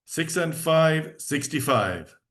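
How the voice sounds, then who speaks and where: An Irish man calling bingo as host, reading out each number digit by digit and then in full, in a measured way. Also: on the high side, lively intonation, fairly bright tone.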